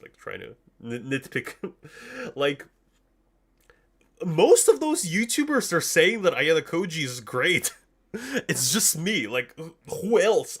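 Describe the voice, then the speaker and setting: A young Russian man with a slight Russian accent and a fairly high, somewhat bright voice chats casually on a livestream, answering viewers. He is an anime commentary streamer whose talk is joking, slangy and self-deprecating.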